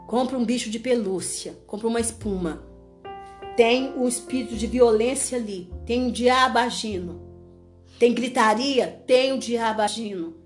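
A woman's voice: fairly high pitch, normal speed, faint music behind. A woman preacher giving a fervent sermon, repeating phrases and rising to emphatic commands.

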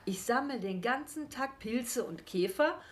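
A woman's voice: on the high side, animated, unhurried, voice pushed up. Woman doing a grumbling old gnome. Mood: exasperated. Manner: grumbling, cursing under his breath. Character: grumpy old male gnome, forest guardian, worried father.

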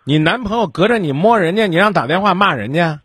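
A man's voice: high voice, animated, fast, a bit bright, husky, no echo, clean studio sound. A man hosting a radio call-in advice show, talking bluntly with scolding sarcasm.

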